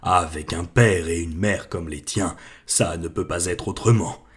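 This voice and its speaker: A man voicing a huge, hot-tempered but kind half-giant gamekeeper, speaking slowly and heavily in a storybook reading. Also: fairly even intonation. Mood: gruff. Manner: slow, heavy, booming when angry.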